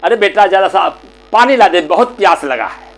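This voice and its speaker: A man voicing a frail elderly mother who coaxes and pleads softly with her son. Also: high voice, animated, moderate pace, low-quality recording. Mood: coaxing. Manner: soft, coaxing and gently insistent.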